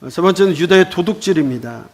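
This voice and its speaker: A man's voice: high voice, expressive, fast, darkish tone. A man teaching a Bible school lecture, explaining scripture with rhetorical questions.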